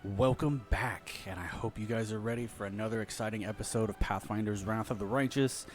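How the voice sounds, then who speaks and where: A man's voice: lowish voice, steady tone, fast talker. A man hosting a casual let's play, reading item descriptions aloud and muttering asides as he shops. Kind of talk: casual gameplay commentary.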